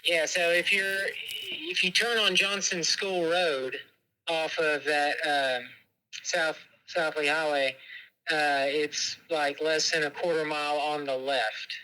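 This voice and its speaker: A man comes through a speakerphone as a casual caller. His voice is fairly high and very bright, yet smooth and clear. He talks in an easygoing way, pausing on fillers as he goes. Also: fairly even intonation, rough recording. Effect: heard through a speakerphone. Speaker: phone caller. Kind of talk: casual phone chat.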